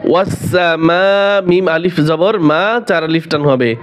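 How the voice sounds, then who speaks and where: A man teaching recitation, unwell with a sore throat and cough, who alternates brief explanations with slow, drawn-out chanted verses. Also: a little high. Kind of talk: tajweed lesson with slow recitation. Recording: dull lo-fi recording.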